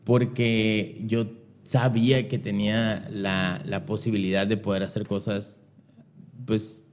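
A young man with a Mexican accent tells stories as a guest on a podcast. His voice sits a little low, and his talk is loose, slangy and animated. He slips into other people's voices as he recounts events. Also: takes it slowly, a little hiss or hum. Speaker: guest, radio announcer and songwriter. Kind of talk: casual storytelling chat.

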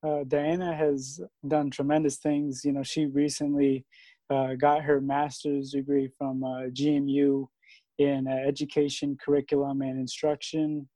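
A man hosting a casual chat, halting and filled with "uh" and "you know". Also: mid-range voice, little pitch movement, warm tone, no room sound, rough recording. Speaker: host.

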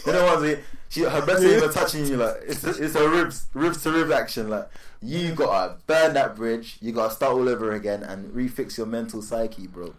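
A man's voice: medium pitch, fairly quick, few pauses. A young man with a London accent chatting casually with a friend in heavy slang, blunt and emphatic. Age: young adult. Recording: roomy echo.

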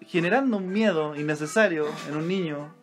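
Slangy Chilean man, slightly high voice. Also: fairly quick, over music. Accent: Chilean Spanish. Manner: slangy, swearing, rambling anecdotes. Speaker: podcast co-host. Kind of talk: casual chat.

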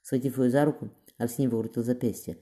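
A male audiobook narrator reading a historical novel at a quick clip. His voice is dark and low in tone. He corrects small slips as he goes. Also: fairly even intonation.

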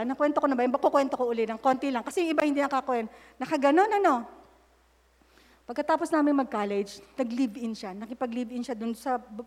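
A woman's voice: on the high side, a little mellow. A middle-aged woman preaching a sermon, telling candid personal stories and breaking into prayer mid-sentence. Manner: candid storytelling mixing English and Tagalog, praying aloud mid-sentence. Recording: long hall reverb.

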